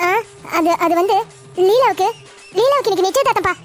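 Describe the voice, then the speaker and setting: A woman's voice: very high-pitched, lively intonation, fast, soft background music. A woman voicing an anxious, hesitant neighbor woman in a cartoon family drama, who stammers and pleads.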